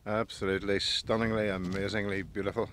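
His voice is on the low side and a bit bright, with a flat delivery and a slightly fast pace. He's an outdoor vlogger in his fifties chatting to a phone camera held at arm's length on a windy mountain summit, laughing frequently and cracking self-deprecating jokes in this casual vlog.

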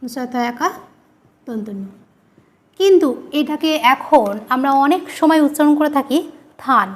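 A woman teaching a grammar lesson, repeating key terms slowly and asking questions she answers herself. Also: high voice, animated, darkish tone.

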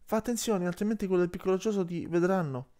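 A man's voice: sits high, fast, dark tone, pitched above the performer's own voice, lightly acted. A man doing a fretful young male wolf. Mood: worried. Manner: fretful, pleading. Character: worried young male wolf, protective friend.

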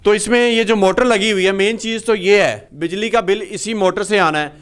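A man from Pakistan with a fairly high, smooth, clear voice hosts an interview inside a small workshop. He talks into a handheld mic and explains each machine in turn, laying out costs and profits. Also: normal speed, a bit bright. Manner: explanatory, walks through machines. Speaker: host. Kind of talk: business interview and walkthrough.

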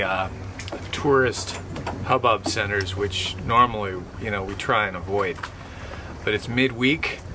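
A middle-aged man co-hosts a sailing vlog and talks in a relaxed, musing way. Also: medium pitch, noisy background. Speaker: vlog host. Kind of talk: casual vlog chat. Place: outdoors on a boat. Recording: music behind.

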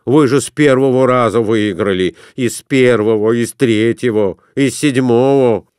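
A man voicing a boisterous, stubborn provincial merchant who shouts in a folksy way. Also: medium pitch, normal speed, clear, resonant tone, no room sound, studio quality, close to an everyday voice. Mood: rowdy.

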